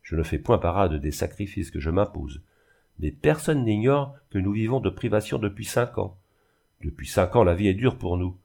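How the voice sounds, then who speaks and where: A man's voice: deep voice, expressive, moderate pace, gravelly, darkish tone, heavily acted. A man voicing a proud older widow in a reading of a classic novel, speaking coldly and curtly, with emphasis. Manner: cold, curt, emphatic.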